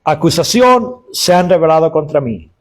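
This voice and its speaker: A man's voice: on the high side, very animated, moderate pace. A man preaching a sermon to his congregation, calling them brothers and acting out quoted cries of woe. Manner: preaching, addresses listeners as brothers. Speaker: pastor.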